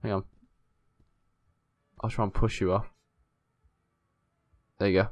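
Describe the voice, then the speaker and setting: Playing with a friend in a gaming video he hosts, this man talks slowly in a lowish voice. He keeps up an excitable, casual running commentary with a bit of swearing.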